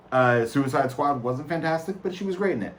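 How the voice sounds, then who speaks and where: A man's voice: fairly high pitch, lively intonation, moderate pace. Blunt, enthusiastic man reviewing films. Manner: enthusiastic, blunt, laughs easily. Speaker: podcast co-host. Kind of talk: casual movie review chat.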